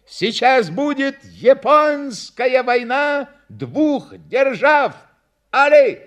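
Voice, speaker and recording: A man doing a shrill frantic young clown. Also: sing-song, extremely slow, fairly bright tone, exaggerated voice. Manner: shrill, pleading and broken speech. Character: hapless young male clown performer.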